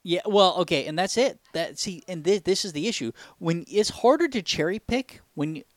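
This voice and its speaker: A man hosting a casual podcast chat, rambling with frequent restarts and easy laughter, with a somewhat squeaky voice. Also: animated, moderate pace, no echo, clean studio sound. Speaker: podcast host.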